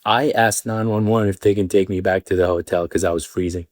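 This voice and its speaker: A man's voice: fairly quick, no room sound, studio quality. A young man with an Arabic accent, originally from an Arabic-speaking country, telling a personal story in a casual monologue and acting out the people in it. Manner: animated, acts out quoted people with rising pitch. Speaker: vlogger.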